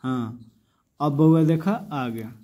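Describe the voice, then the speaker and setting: Mellow-voiced teacher man. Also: a little high, slow pace. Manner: addresses students affectionately, repeats and asks questions. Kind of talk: casual classroom explanation.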